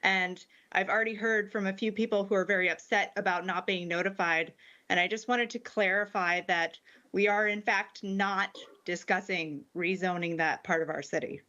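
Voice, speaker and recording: A woman's voice: mid-range voice, steady tone, normal speed, sharp tone, dull audio. A woman on the city council measuredly clarifies a point during a meeting, with fillers.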